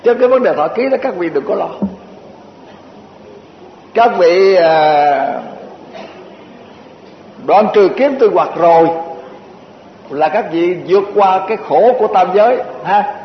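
A man's voice: high-pitched, animated, slow pace, pauses often. A man giving a Buddhist dharma talk, folksy and repetitive, stringing lists together with chuckling asides. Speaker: Buddhist teacher. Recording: muffled echoey hall recording with faint hiss.

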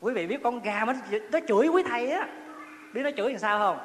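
A little fast and animated, a male Buddhist monk with a very high, fairly bright voice tells stories and jokes through a dharma talk, laughing often and quizzing his audience. The hall recording has long reverb, faint ambience, and slight hiss or hum.

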